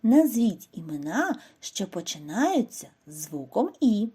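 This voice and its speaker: A woman giving a scripted reading and spelling lesson to first graders, speaking slowly and clearly and asking the children questions. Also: mid-range voice, very animated, dark tone. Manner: slow, clear, instructive delivery with questions to children. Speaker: primary school teacher.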